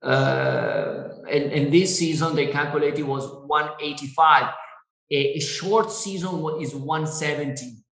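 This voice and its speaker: A man, a winery owner whose first language is Italian, speaking on a video call in halting English with many fillers and restarts. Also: on the high side, very animated, vocal fry, a bit bright, reverberant, poor audio. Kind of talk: Zoom wine tasting interview.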